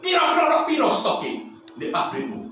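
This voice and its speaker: A man voicing a male shop owner who calls up to ask about goods in a brisk, businesslike way. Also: very high voice, wildly swooping pitch, bright, forceful tone, very echoey, shouting, a little hiss or hum, voice pushed up, heavily acted. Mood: eager.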